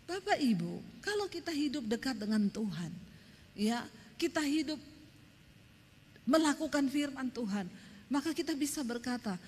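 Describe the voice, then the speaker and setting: In a church hall with long reverb, a woman preaches a sermon emphatically, her high voice slightly rough and moderately paced, with long pauses. She tells stories in a lively way, acting out the quotes.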